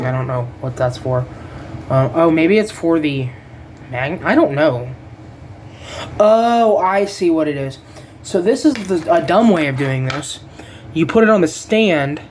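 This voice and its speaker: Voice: mid-range voice, darkish tone, a little hiss or hum. An action figure reviewer talking through an unboxing in a rambling, casual way, losing track of names and swearing offhandedly.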